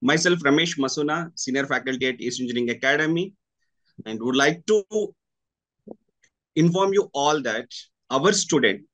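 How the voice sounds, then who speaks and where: Halting Indian-accented man interviewing. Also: mid-range voice, a bit bright, poor audio. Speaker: interviewer, senior faculty at a coaching academy. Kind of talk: video-call interview. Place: small room indoors with curtains.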